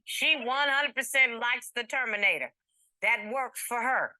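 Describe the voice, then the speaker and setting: A woman judge on a court show with a fairly high, very bright voice in a dry room sound. She questions and admonishes litigants directly, with authority and a playful edge. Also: a little slow, no echo.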